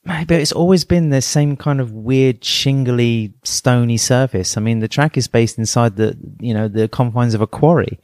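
In a casual podcast chat, a middle-aged co-host speaks at medium pitch and normal speed with few pauses and a darkish tone. His talk is thoughtful, rambling and packed with fillers, recorded dry in a clean studio.

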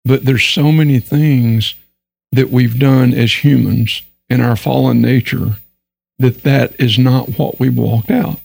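Speaking slowly at a medium pitch with a steady tone, this Texan man has a gravelly, husky, somewhat dark voice. The recording is dry but low in quality. He is a guest on a candid discussion panel, earnest and emphatic, at times acting out the voices of people he quotes.

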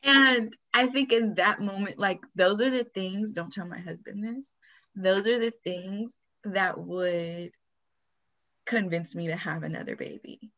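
A woman's voice: mid-range voice, measured pace, bright, forceful tone, dull audio. Woman, podcast co-host, casual chatty storyteller, easy laughs. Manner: frequent fillers like "like" and "you know".

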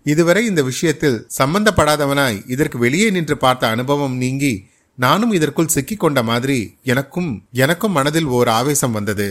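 A man narrating a short story as a podcast storyteller, in a steady, measured reading. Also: medium pitch.

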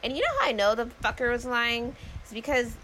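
A woman's voice: a little high, fairly quick, pushed and bright, a little hiss or hum, poor audio. A young adult woman casually retelling a story, candid and profane, acting out both sides of phone calls in slangy, exasperated talk.

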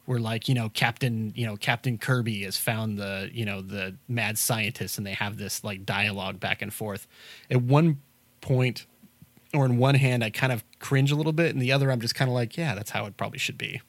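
A man's voice: mid-range voice, steady tone, normal speed, no room sound. A man casually talking through a film as he watches it, rambling with lots of fillers and restarts. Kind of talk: casual movie commentary chat.

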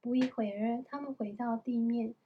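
A mother reading a storybook aloud to her young child at home, in a gentle, patient manner. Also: a little high, fairly even intonation, moderate pace, narrow, tinny audio, crowd noise.

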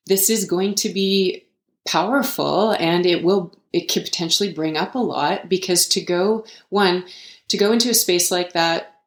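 A woman's voice: on the low side, normal speed. A woman speaking as a podcast guest, reflective and casual, often repeating small words. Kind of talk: casual chat. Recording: echoey room.

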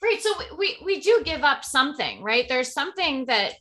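A woman's voice: high voice, very animated, moderate pace, pushed and bright. A woman co-hosting a podcast as a therapist, telling anecdotes animatedly and laughing easily. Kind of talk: casual podcast chat.

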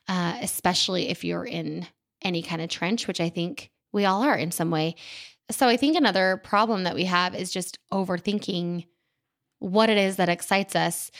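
Smooth-voiced woman in her thirties, chatty. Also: lowish voice, fairly bright tone. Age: 30s. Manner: candid, chatty and self-deprecating. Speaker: podcast host. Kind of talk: casual personal monologue. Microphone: studio microphone.

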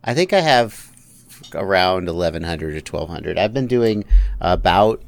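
A man guesting on a casual podcast, talking in a smooth radio voice with a relaxed, joking manner. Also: sits low, a little slow. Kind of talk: casual chat.

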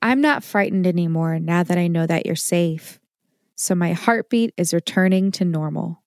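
A woman playing a caring mother who calmly explains kitchen safety to her child in a children's show. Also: fairly low pitch, normal speed, no echo, studio quality, natural voice. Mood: reassuring. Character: caring mother, warm and reassuring.

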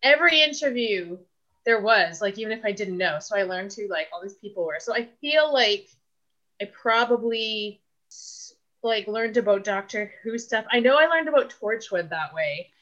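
A woman's voice: mid-range voice, expressive, normal speed, bright, forceful tone. A young woman from Canada, a podcast guest, talking casually and rambling with lots of fillers. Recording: dull lo-fi audio.

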